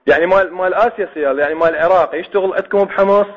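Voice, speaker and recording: A man with an Iraqi Arabic accent and a husky voice talking over the phone as a prank caller, stammering and repeating himself with mock-earnest questions. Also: sits high, rapid-fire. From Iraq. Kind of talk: phone call, speaking over the phone. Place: on a phone line. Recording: dull lo-fi phone call.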